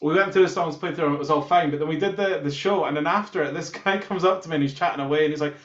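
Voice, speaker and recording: A guitar player from Scotland fires off anecdotes rapidly in a fairly high, bright voice while being interviewed casually. His video-call audio is muffled with a roomy echo.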